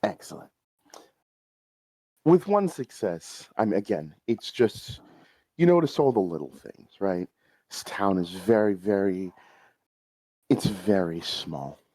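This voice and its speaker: A man's voice: sits low, animated, slow pace, long pauses, dark tone, no echo, low-quality recording. A man narrating a tabletop role-playing game as game master, describing scenes in a loose, chatty way.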